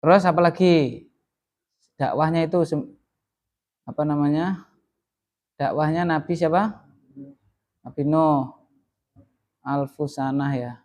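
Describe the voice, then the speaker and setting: This man teaches, his voice pitched high for a man. He keeps asking the class questions and then answers them himself. He reads Arabic verses slowly and translates each one. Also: a little mellow. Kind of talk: classroom lesson.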